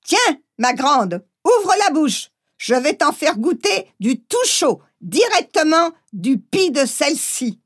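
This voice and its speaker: A woman's voice: high voice, very animated, takes it slowly, few pauses, full character voice. A woman voicing a good-natured male farmer who playfully coaxes a child. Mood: coaxing.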